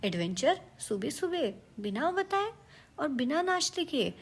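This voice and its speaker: Lady putting on a scaredy little bunny guy, raised squeaky voice, nervy and jokey, slow drawl. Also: animated, husky, full character voice. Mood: alarmed. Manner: nervous, jumpy, quick with jokes. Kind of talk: storybook character voice.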